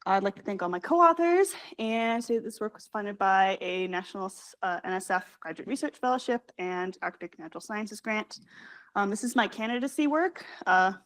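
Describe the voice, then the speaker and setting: Young woman, graduate student, conference presentation, hurried, lots of ums and self-corrections, mid-pitched voice. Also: expressive, fairly bright tone. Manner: fast, hurried delivery with frequent fillers and self-corrections. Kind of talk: scientific conference talk.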